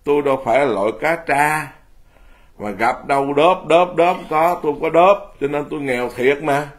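A man's voice: on the high side, normal speed. A man in his fifties, a Buddhist monk giving an informal talk, blunt and self-mocking, laughing often as he speaks.

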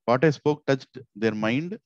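A middle-aged man with a South Indian accent giving an informal devotional sermon, animated and repetitive, asking rhetorical questions into a headset mic. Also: medium pitch, unhurried, dry recording. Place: small indoor office. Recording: slightly dull, lo-fi headset audio.

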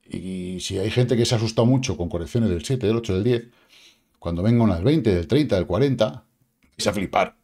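Sitting in a small studio bathed in purple light, a middle-aged Spaniard chats about the crypto market straight to camera. His fairly low, mellow voice keeps a moderate pace as he cracks jokes, tosses in asides, addresses his viewers directly, and keeps saying "vale."

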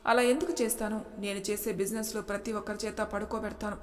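A woman putting on a menacing, scheming rich man who taunts his victims in a flat, even tone. The voice hangs in a long, hall-like reverb, like a spoken storybook. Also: medium pitch, fast talker, natural voice. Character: scheming wealthy male boss, predatory and threatening.

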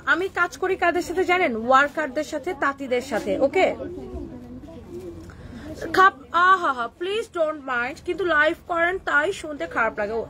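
A woman's voice: high-pitched, pushed and bright. A woman with a Kishoreganj Bengali accent from Bangladesh, scolding viewer comments on a live stream and mixing English words into her Bengali. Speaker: clothing shop owner hosting a live stream.

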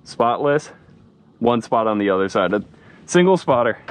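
A young man hosting a fishing vlog from a small boat at dusk, chatting casually and excitedly, saying "dude" a lot. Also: mid-range voice, moderate pace, smooth. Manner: excited, laid-back, says "dude" a lot. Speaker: fishing channel host. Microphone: action camera mounted on cap.

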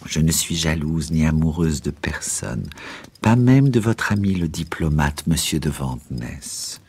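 A man reading aloud voices a cold, resolute young noblewoman who speaks quietly and firmly. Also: rumbling low, expressive, a little slow, slightly rough, full character voice. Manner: quiet, cool and firm.

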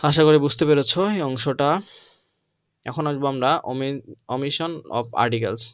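A man's voice: medium pitch, a little slow, smooth, no room sound. A man teaching English grammar to students, switching between Bengali and English and drilling the class with repeated questions. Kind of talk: lecture to students.

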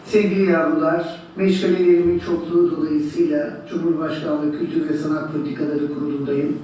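A woman giving a formal, affectionate address to schoolchildren. She speaks over a live phone line that is played into a room, and her pace is measured and solemn. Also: deep voice, level tone, mellow. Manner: measured, solemn and affectionate, with slow drawn-out phrases. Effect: voice coming over a live phone line into a room. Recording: echoey, distant phone audio with faint noise.

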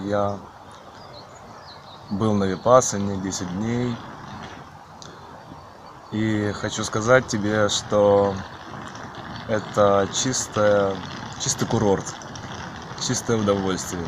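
A young man stands on a forest path and talks slowly to the camera, drawing out his words. His voice is a little low. The outdoor ambience comes through clearly. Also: fairly even intonation, noisy background. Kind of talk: short testimonial to camera.

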